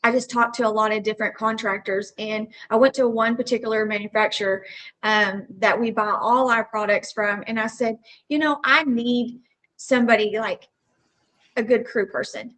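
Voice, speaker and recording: Female podcast guest, Texas accent with a drawl, slightly high voice, casual storyteller. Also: steady tone, moderate pace, fairly bright tone, rough recording. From Texas Panhandle, United States. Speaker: podcast guest, roofing company owner.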